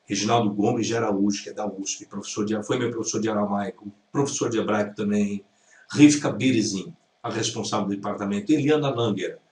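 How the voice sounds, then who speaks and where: A Brazilian man who teaches Hebrew critiques a video point by point, repeating the correct pronunciations as he goes. His voice sits fairly low and sounds a little mellow. The recording is roomy, as if captured from a distance.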